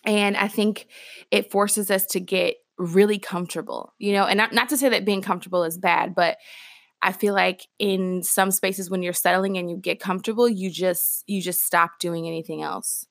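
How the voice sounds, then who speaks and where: A woman hosting her own podcast in a casual, reflective way, talking with a slightly rough morning voice and lots of fillers. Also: mid-range voice, steady tone, moderate pace, dry recording, studio quality. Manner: conversational, reflective, many fillers and restarts. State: morning voice, clearing her throat. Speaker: podcast host. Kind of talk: casual solo podcast talk.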